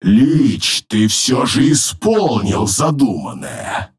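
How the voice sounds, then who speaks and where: A man voicing an arrogant, cruel male demon lord in an audiobook, his rough, rumbling voice thickened with a layered demonic effect. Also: big pitch swings, exaggerated voice. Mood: commanding. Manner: slow, menacing, commanding. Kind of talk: audiobook narration with voiced characters.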